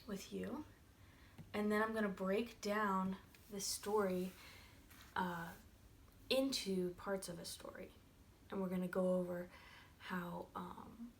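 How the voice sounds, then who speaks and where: A woman teacher hosting a kids' club lesson, reading a fairy tale to children in a friendly, animated way. She breaks into "um" and "uh" as she explains the parts of a story. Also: medium pitch, slight background noise.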